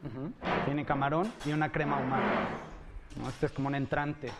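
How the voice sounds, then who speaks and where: Chef with a fairly high voice. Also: male voice, fairly even intonation, brisk, very noisy. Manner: friendly, explanatory, ends phrases with tag questions. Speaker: head chef. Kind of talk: explaining dishes on camera.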